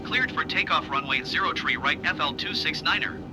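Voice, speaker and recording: A man's voice: on the high side, normal speed. A male voice as an airline pilot reading back tower calls over a cockpit headset radio, in clipped, formulaic aviation phrasing. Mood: routine. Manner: flat, formulaic readback. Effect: pilot radio call through a cockpit headset. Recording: radio voice over loud aircraft engine noise.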